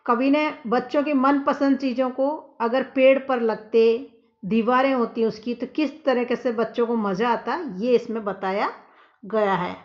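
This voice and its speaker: A woman's voice: on the high side, fairly even intonation, a little slow. A woman teacher explaining a poem in a patient classroom manner, often checking that the children follow. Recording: dull lo-fi recording.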